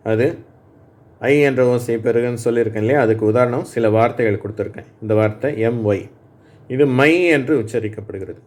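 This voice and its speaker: A man teaching English reading, calling out sounds slowly and patiently for learners to repeat. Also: mid-range voice. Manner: patient, plain explaining. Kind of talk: slow classroom phonics drill.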